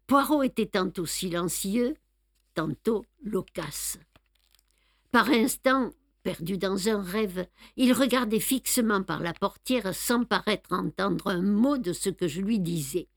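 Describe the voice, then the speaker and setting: A woman reading a novel aloud for a radio program, in a measured storytelling manner. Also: medium pitch, lively intonation, dry recording, studio quality. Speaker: radio reader and presenter. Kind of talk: audiobook reading.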